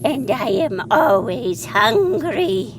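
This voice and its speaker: A tired, always-hungry magic portal spirit , as a woman voices it speaks in a slow, droning voice that sits fairly high. Noise hums behind it. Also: sing-song. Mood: weary.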